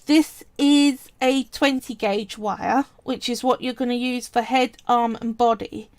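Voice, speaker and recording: On a live stream, a woman guides viewers through sculpting with polymer clay in a chatty, explanatory way, frequently stopping to say "so" and "right." Her voice is a little high, steady and slightly mellow, with no echo in the recording.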